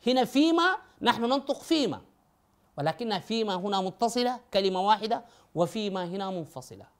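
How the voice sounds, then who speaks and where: A man's voice: sits high, expressive, a little fast. A man giving a methodical lecture on scripture and spelling rules, reciting verses and speaking directly to his listeners. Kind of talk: explanatory religious lecture.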